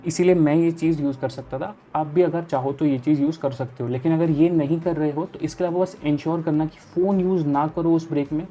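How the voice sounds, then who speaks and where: A young man from India talks through his study routine in a casual vlog. His voice is mellow and soft-edged, and his manner is easygoing and explanatory. He speaks straight to the viewer. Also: fairly high pitch, fairly even intonation, a little fast, few pauses, slight background noise. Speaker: chartered accountancy student and study vlogger.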